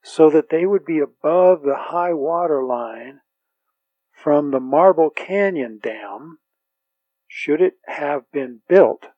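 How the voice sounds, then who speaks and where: A man works as an oral history interviewer, feeling his way into informal questions with small hesitations. His voice sits slightly high and has a husky grain. The sound is dry and close. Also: animated, slow, no room sound, narrow, tinny audio.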